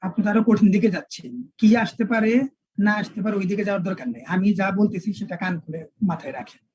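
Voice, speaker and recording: A male English teacher, lecturing an online class and spelling words out slowly with repeated examples. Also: high-pitched, animated, a little mellow, poor audio.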